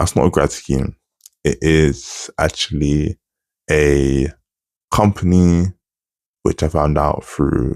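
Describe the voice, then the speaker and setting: Male vlogger, twenties, deep register, retainer lisp, rambling and informal, very dry sound. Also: darkish tone, dry recording. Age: 20s. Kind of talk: casual update to camera.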